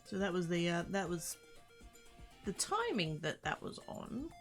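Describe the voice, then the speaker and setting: A woman's voice: fairly low pitch, very animated, measured pace. Casual woman streamer with music behind her. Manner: playful, informal greetings to chat; rambling, easily sidetracked. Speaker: livestreamer. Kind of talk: casual livestream chat.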